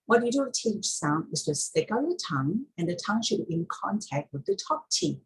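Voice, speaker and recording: A woman's voice: mid-range voice, very animated, brisk, slightly rough, poor audio. A woman teaching pronunciation step by step in an instructional talk, repeating key points for emphasis.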